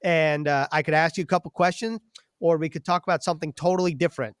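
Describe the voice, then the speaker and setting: Easygoing male podcast host, slightly high voice, dry close mic. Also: fairly even intonation, fast, no echo. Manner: friendly, easygoing, laughs often. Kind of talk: casual sports podcast chat.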